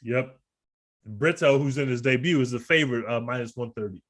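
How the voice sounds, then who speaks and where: A man's voice: medium pitch, brisk. A man co-hosting a casual podcast, talking fight picks in a laid-back, slangy way and laughing often. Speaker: podcast co-host. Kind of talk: casual sports betting chat.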